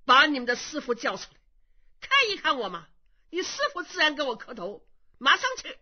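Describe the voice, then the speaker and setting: A woman's voice: very animated, a little fast. A woman putting on a blustering old trickster monk. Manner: blustering, swears in a deep growl. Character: scheming old man posing as monk elder. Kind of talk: traditional Chinese storytelling. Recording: dull lo-fi recording.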